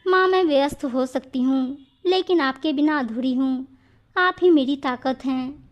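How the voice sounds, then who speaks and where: A woman's voice: high-pitched, a little slow, lo-fi sound. Storybook role: young working wife, earnest and pleading, read by a woman. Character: young working daughter-in-law, earnest and hurt.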